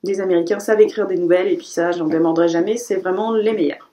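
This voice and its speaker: Book vlogger, woman, mellow tone, chatty and casual, stumbles and corrects herself. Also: lowish voice, fairly even intonation, fast. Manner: chatty, self-correcting, frequent "euh" fillers. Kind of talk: casual book haul review.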